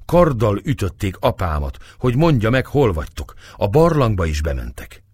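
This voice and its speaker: Storybook part: anxious young woman, pressing and pleading, raised-pitch voice, as a low-voiced male reader puts her on. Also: sing-song, a little mellow, breathy edge. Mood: urgent.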